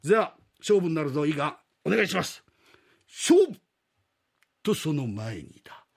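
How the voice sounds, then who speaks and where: A man performing classical rakugo, voicing a shrewd, commanding older gambling boss in rough street talk. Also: a little high, big pitch swings, a little fast, exaggerated voice. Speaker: rakugo storyteller.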